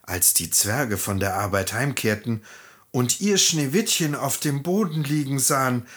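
A storyteller reading a fairy tale aloud in an expressive, lively way. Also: medium pitch, measured pace, breathy edge.

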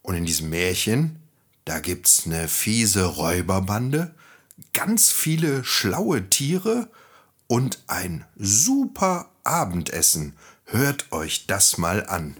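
A man reading a fairy tale aloud to children in a gentle, friendly, expressive manner. He takes his time, lets his voice rise and fall widely, and has a slightly husky tone. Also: deep voice, slow pace.

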